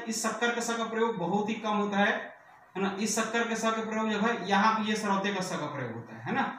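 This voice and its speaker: A male teacher giving an exam-prep vocabulary lesson, repeating each word with a question and often asking if it is clear. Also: high-pitched, a bit bright, slight background noise. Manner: repeats words with rhetorical questions, checks "clear?". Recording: very echoey room, voice from far off.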